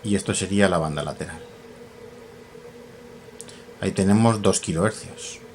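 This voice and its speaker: Low-voiced man hosting a relaxed hands-on radio gear tutorial, halting and self-correcting, faint background ambience. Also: slight background noise. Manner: thinks aloud, self-correcting, many fillers. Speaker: radio equipment tutorial host. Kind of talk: casual hands-on equipment demonstration.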